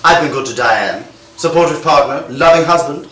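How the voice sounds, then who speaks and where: A man's voice: on the high side, lively intonation, normal speed, pushed and bright. A man playing an evasive, cornered cheating husband. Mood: defensive. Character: defensive adult man accused of cheating. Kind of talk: rehearsed scene work in acting class. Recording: echoey room from a distance.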